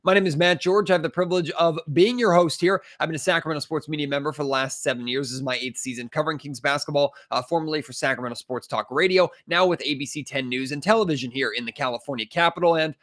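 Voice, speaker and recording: A man with a stuffy, congested cold hosts a casual sports podcast, sounding emphatic and frustrated and using plenty of fillers. His voice is a little high and a bit bright, and he talks fast with few pauses.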